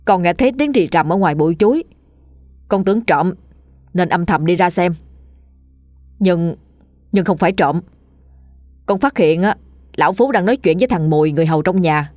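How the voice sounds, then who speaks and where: A woman's voice: on the low side, normal speed, pauses often, warm tone, dry recording, clean studio sound, faint music behind, natural voice. A woman voicing a grieving village man who pleads before an official in a spoken ghost story, her tone choked and earnest. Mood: pleading.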